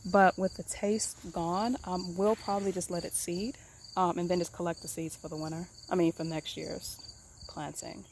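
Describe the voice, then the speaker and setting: A woman giving a casual tour of her herb garden, talking in a relaxed, rambling way with many ums and repeated words. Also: on the low side, a little hiss or hum. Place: outdoor garden. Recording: outdoor recording with crickets chirping behind. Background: crickets and insects.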